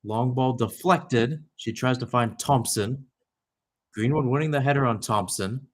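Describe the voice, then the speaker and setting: This play-by-play commentator is a young man with a medium-pitched voice who speaks unhurriedly. Calling live soccer like a radio broadcaster, he regularly fixes his own slips and wanders into casual remarks.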